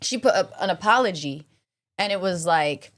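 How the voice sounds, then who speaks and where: A woman's voice: on the low side, lively intonation, moderate pace. A woman co-hosting a podcast in casual chat, blunt and profane with lots of slang. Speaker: podcast co-host.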